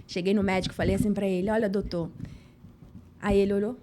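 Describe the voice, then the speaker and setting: A woman's voice: medium pitch, flat delivery, fast talker, mellow, slight background noise. Earnest Rio-woman telling her story. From São Gonçalo, Rio de Janeiro state, Brazil. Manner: acts out dialogue, earnest and emotional. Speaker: podcast guest. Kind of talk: personal storytelling.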